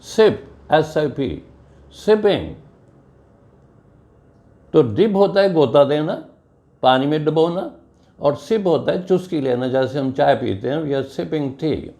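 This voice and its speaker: A man's voice: a little high, lively intonation, slow, creaky, long pauses, dark tone. A man teaching an English grammar lesson, spelling words out letter by letter and explaining each rule step by step, with a Pakistani accent. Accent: Urdu-flavored Pakistani English.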